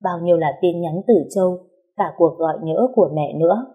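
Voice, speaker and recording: A woman giving a calm, even first-person narration of a novel as an audiobook reader. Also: on the low side, fairly quick, breathy edge, narrow, tinny audio.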